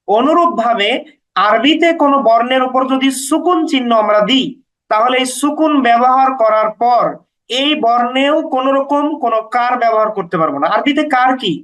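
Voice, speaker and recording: Man, very high voice, patient teacher, slow drilled repetition. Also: a bit bright, poor audio. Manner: patient, repeats letter names slowly for drilling. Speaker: Quran teacher. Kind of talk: step-by-step recitation lesson.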